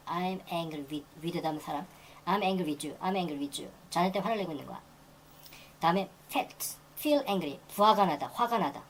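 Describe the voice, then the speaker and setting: A woman teaching English grammar in a lecture, repeating phrases and reading example sentences very slowly. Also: on the low side, slight background noise, low-quality recording. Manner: repeats phrases and restarts while explaining.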